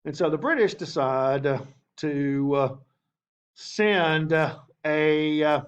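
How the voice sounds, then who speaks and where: A man teaching a history class in a lively way, often asking the class and saying okay. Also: on the high side, slow, muffled recording.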